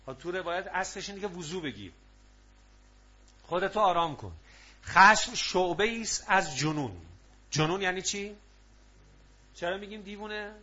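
A man giving a religious talk to a live audience, lively and often prompting listeners to answer aloud, on a muffled lo-fi recording. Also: sits high. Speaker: preacher.

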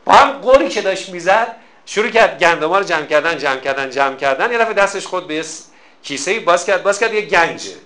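Brief: male preacher and lecturer, high bright tone, emphatic storytelling sermon. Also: expressive. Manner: emphatic and exhorting, repeats key phrases.

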